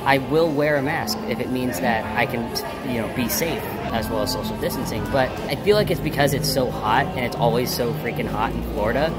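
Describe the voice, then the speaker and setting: A man chatting casually and in a rambling, conversational way as a theme park vlogger. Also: mid-range voice. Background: loud music.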